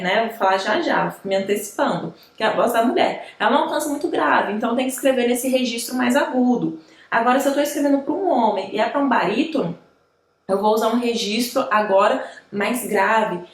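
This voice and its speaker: A woman's voice: a little high, a little fast. Chatty woman teaching music, echoey room. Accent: Brazilian Portuguese. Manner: chatty, explanatory, frequent tag questions. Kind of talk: online music lesson.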